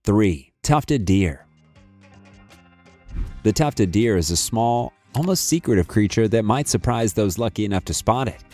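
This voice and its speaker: A man's voice: on the low side, animated, brisk, hardly any pauses, darkish tone, soft background music. A man reading scripted nature documentary narration.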